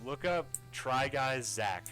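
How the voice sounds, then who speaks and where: A sarcastic young man chatting on a podcast, with a lively, swinging pitch and a mid-level voice. His jokes come out blunt and teasing. Faint music sits underneath. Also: slow. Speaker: podcast co-host. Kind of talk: casual chat.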